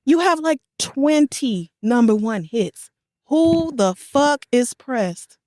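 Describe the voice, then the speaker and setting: A woman's voice: high voice, animated, takes it slowly, a little mellow, dry recording, clean studio sound. A woman co-hosting a podcast in casual chat, laughing often, blunt and swearing freely. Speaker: podcast co-host.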